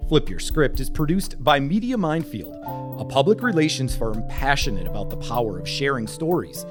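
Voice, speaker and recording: A man's voice: mid-range voice, big pitch swings, normal speed. A man reading a scripted, upbeat podcast introduction. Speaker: announcer. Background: guitar music.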